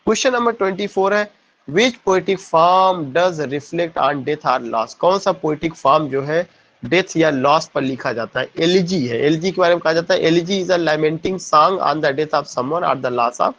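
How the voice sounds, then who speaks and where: A man's voice: fairly high pitch, measured pace, fairly bright tone, a little hiss or hum, low-quality recording. A man teaching an exam-prep lesson, switching between Hindi and English and asking rhetorical questions before answering them.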